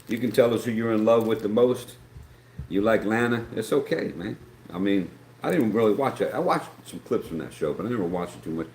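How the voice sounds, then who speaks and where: Talking a little fast in a lowish, darkish voice, this middle-aged Appalachian host from West Virginia keeps his live stream casual and rambling. He reads the chat aloud in a folksy way, and faint background noise fills the echoey room.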